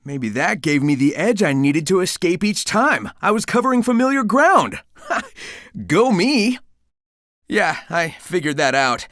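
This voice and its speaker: A man's voice: high voice, very animated, a little slow, a bit bright, no room sound, studio quality, exaggerated voice. A man voicing a cocky but caring young cartoon hedgehog hero in a video game, youthful, breezy, casual and confident. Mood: playful, curious, then earnest. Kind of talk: video game character dialogue.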